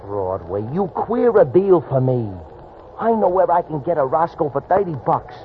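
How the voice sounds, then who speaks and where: Eager, wheedling racetrack hustler. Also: male voice, fairly high pitch, sing-song, normal speed. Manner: wheedling, stilted slangy phrasing. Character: eager, shifty small-time racetrack tout. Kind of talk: old-time radio drama acting. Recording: muffled, noisy old radio recording.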